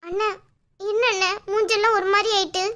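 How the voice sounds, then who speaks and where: A woman voicing a gentle, tearful young sister in a cartoon, speaking softly and pleadingly. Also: extremely high pitch, steady tone, fairly quick. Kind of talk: cartoon voice acting.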